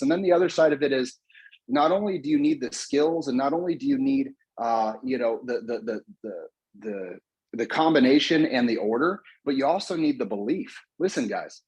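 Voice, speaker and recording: Husky-voiced American man giving a pep talk. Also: mid-range voice, rough recording. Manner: energetic, repetitive, coaching. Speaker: motivational speaker.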